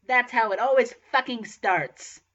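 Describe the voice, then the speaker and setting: A woman's voice: high voice, expressive, normal speed, a bit bright. A woman voicing an indignant teenage boy wizard who rants and swears, recorded lo-fi. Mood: ranting. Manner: ranting, profane, indignant. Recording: lo-fi, dull sound.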